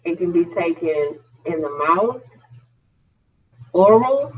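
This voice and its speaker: Male nursing instructor, online lecture, husky high voice, explanatory with light humor, tinny lo-fi sound. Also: a little slow. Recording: tinny phone-like audio.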